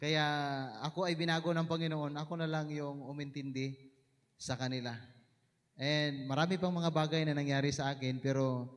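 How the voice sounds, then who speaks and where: A man with a Visayan accent sharing an animated personal testimony in church, his voice rising at the dramatic moments. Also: on the high side, normal speed, pauses often. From Mindanao, Philippines. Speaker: church member giving testimony. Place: church hall. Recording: echoey church hall.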